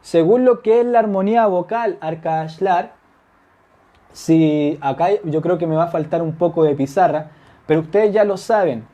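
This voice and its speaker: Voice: medium pitch, normal speed, dark tone, dull audio. A Turkish language teacher, giving a whiteboard grammar lesson, patient, repeating example phrases and checking understanding with tag questions.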